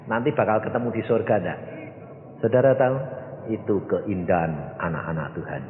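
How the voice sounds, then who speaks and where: A man's voice: low-pitched, moderate pace. A male evangelist preaching a sermon. He tells stories, acts out the voices in them, and asks the congregation questions. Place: church hall. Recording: echoey hall, phone-like thin sound.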